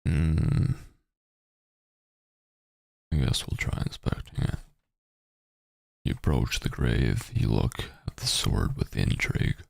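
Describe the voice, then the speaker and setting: A man streaming a game, reading its story text aloud and adding halting, muttered casual commentary. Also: lively intonation, no echo. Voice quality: very deep, gravelly, husky.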